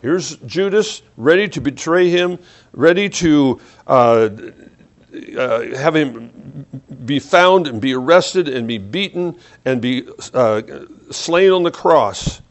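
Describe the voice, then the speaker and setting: A man preaching a sermon, reading scripture aloud and reflecting on it, often dropping his voice low on key points. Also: animated, slow. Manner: reflective, varies pace and loudness, drops low on key points.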